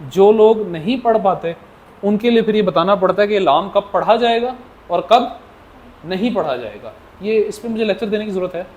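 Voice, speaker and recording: High-voiced man teaching a class. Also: expressive, moderate pace, darkish tone, dull audio. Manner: drills by repeating questions to students; addresses the class as children. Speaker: Arabic teacher. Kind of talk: classroom lecture.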